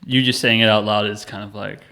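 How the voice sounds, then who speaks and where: A man's voice: lowish voice, steady tone, fast talker, gravelly, sharp tone. A man in his thirties talking casually as a podcast guest, rambling loosely with lots of fillers and self-corrections. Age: 30s. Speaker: podcast guest, company founder. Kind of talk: casual interview talk.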